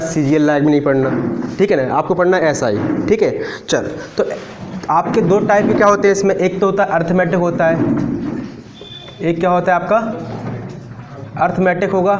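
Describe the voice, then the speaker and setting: A high-voiced male maths teacher lectures a classroom of students. He talks casually and checks in with them every few sentences. The room is echoey. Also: background noise. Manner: talkative, asks students frequent check questions.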